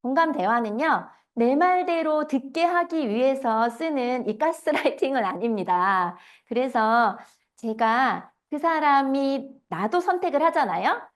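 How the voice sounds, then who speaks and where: Woman lecturer, thirties, high animated voice, questions the audience. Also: unhurried. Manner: lively, asks the audience questions. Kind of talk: online lecture.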